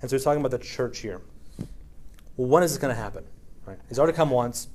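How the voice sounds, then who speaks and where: A man's voice: mid-range voice, lively intonation, quick pace, darkish tone, slight background noise. Casual man teaching scripture. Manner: casual, keeps checking in with "right?"; frequent fillers, reads scripture aloud. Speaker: preacher teaching a Bible study. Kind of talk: conversational sermon.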